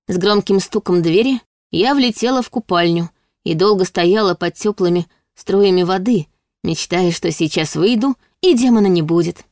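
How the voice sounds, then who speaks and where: A woman narrating a first-person audiobook with an expressive reading. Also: medium pitch, dry recording, clean studio sound. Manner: expressive reading, voicing indignant quotes.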